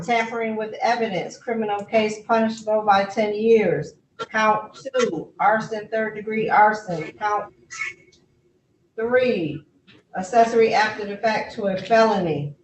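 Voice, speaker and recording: A woman court clerk calling cases and reading charges in a brisk, formal way, heard on a courtroom recording. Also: mid-range voice. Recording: echoey distant courtroom recording, faint noise.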